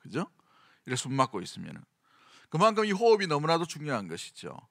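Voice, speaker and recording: A man's voice: fairly high pitch, wildly swooping pitch, quick pace, gravelly, a bit bright, no room sound, clean studio sound. A middle-aged man with a Gyeongsang accent preaching a sermon in a conversational way, often asking the congregation questions. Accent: Gyeongsang Korean. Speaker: senior pastor.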